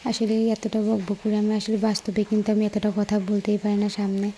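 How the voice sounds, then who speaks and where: A young woman, narrating a home vlog in a hushed voice-over, recorded on a phone in a quiet room at night. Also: mid-range voice, completely flat delivery, quick pace, slight background noise. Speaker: lifestyle vlogger.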